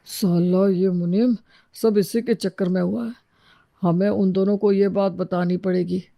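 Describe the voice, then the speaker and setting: A woman voicing an impulsive young man in a cartoon story, with a gravelly voice. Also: mid-range voice, fairly even intonation, unhurried, mellow. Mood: determined. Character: young man, impulsive son scheming to fix a family feud.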